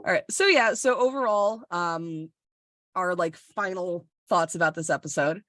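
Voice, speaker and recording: Recorded over a video call, this podcast co-host from Florida, USA, talks in a loose, blunt way, cursing often and laughing frequently. She has a lowish, slightly bright voice at a normal pace, and the audio is clean studio quality with no room sound.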